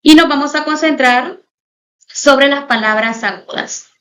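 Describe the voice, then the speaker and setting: A woman's voice: high voice, a bit bright. Woman teacher giving a recorded lesson. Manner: formal, explanatory, addresses students directly; pauses to spell out example words slowly. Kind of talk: recorded online class lecture.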